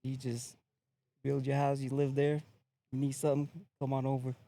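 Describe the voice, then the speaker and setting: A young man from American Samoa, a podcast guest telling his story in a relaxed, laid-back casual chat. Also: medium pitch, moderate pace, creaky.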